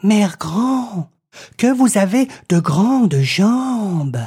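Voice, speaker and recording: A man's voice: expressive, mellow, breathy edge, heavily acted. A man doing a naive little storybook girl. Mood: trusting. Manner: high, quick, innocent little voice.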